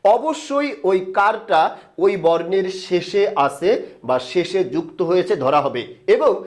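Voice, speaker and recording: A man with a high voice teaches a grammar lesson to a video audience. He asks a question and then answers it himself. He draws sounds out slowly so viewers can repeat them. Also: lively intonation. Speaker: Bengali grammar instructor.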